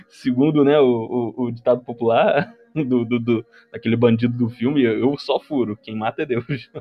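A man's voice: mid-range voice, dull audio. A man with a Brazilian accent retelling a movie on a livestream, rambling and sarcastic, mocking the characters with lots of slang. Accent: Brazilian Portuguese. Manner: rambling, animated storytelling with slang. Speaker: livestream host. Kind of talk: comedic movie recap.

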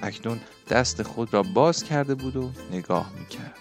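A man narrating a novel as an audiobook in a measured, even reading voice, close to the mic. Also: mid-range voice, loud music behind the voice.

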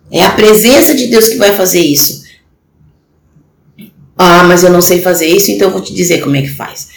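A woman's voice: medium pitch, creaky, a little hiss or hum. A woman preaching a sermon on a live stream, earnest and exhorting, speaking straight to the listener. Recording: echoey room with faint ambience.

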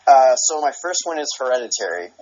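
A man's voice: medium pitch, very animated, brisk, darkish tone. A man chatting casually about movies with his cousins, laid-back and swearing freely, full of fillers. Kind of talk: casual chat. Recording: muffled speakerphone call.

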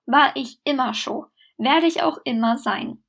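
A woman voicing a vain, bossy male dragon who talks slowly and crudely in a storybook reading. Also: high-pitched, vocal fry, a bit bright, full character voice. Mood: boastful.

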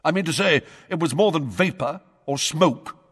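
A man doing a booming older woman judge. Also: animated, moderate pace, a bit bright, breathy edge, in a large hall. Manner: booming, brusque.

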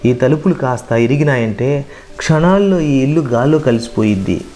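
A man voicing an elderly village grandmother who scolds roughly but comforts tenderly, in a rustic way of talking. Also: mid-range voice, animated, normal speed, mellow, natural voice. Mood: soothing. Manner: rustic scolding, then soothing.

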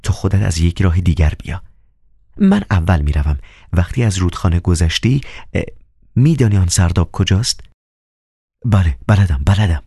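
A man's voice: low-pitched, lively intonation, mellow, husky, no room sound, clean studio sound, full character voice. A man voicing a proud, cold young woman with a biting, teasing manner in an audiobook. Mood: cold, haughty. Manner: biting, haughty, coquettish. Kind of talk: audiobook character voice.

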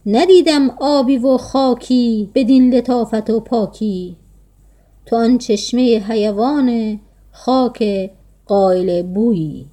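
A woman voicing a flattering, scheming old go-between in a read-aloud tale, coaxing and sweet-talking. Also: fairly high pitch, lightly acted.

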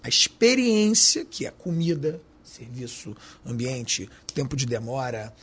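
A man's voice: medium pitch, very animated, unhurried, a bit bright, breathy edge. A man with a Carioca accent, a restaurant owner talking in an interview, slangy and emphatic. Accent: Carioca Portuguese. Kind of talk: podcast interview.

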